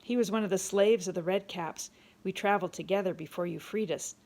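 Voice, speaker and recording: A woman's voice: medium pitch, brisk, darkish tone, lightly acted. A woman voicing a nervous young man, a freed slave, who speaks timidly and politely.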